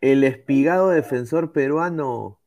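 A man's voice: medium pitch, unhurried, crowd noise. A man with a Peruvian accent co-hosting a casual sports talk show in a slangy, conversational way.

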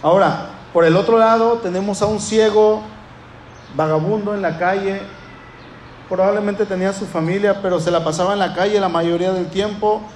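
A man's voice: high voice, steady tone, normal speed, reverberant, slight background noise. A man preaching a sermon in an impassioned, repetitive style that builds emphasis.

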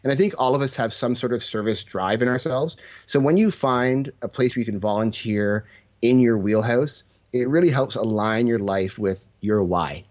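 Speaking at normal speed in a mid-range, somewhat dark voice, a man tells relaxed stories as an interview guest. He is a leadership mentor who dramatizes quoted dialogue as he goes, and the sound is lo-fi.

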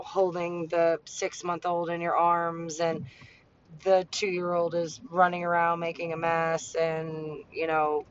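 A woman talking candidly as a podcast host, rambling with lots of "like" and "you know", blunt and freely swearing. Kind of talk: candid personal monologue. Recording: muffled lo-fi with faint vehicle rumble.

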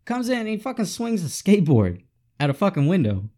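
A man's voice: high voice, huge pitch swings, brisk, warm tone. A frustrated man ranting with heavy profanity to his audience in a casual vlog. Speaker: vlogger. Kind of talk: profane angry rant.

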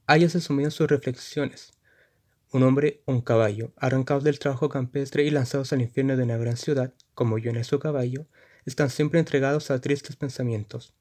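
A man narrating a short story in a measured, descriptive reading. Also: medium pitch, a little mellow.

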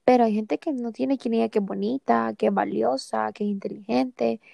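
A woman's voice: fairly high pitch, steady tone, normal speed, gravelly, dark tone, no room sound. A young woman hosting a podcast, giving earnest, encouraging advice in a casual chat. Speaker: podcast host.

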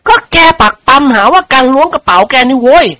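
A man voicing a blunt, mischievous young man who swears oaths roughly. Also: extremely high pitch, expressive, fairly quick, pushed and bright, no room sound, voice pushed up, heavily acted.

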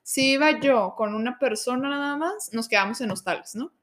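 A woman's voice: on the high side, brisk, fairly bright tone. A woman with a Mexican accent co-hosting a podcast, chatting casually and teasing her co-host. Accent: Mexican Spanish. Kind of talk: casual travel chat.

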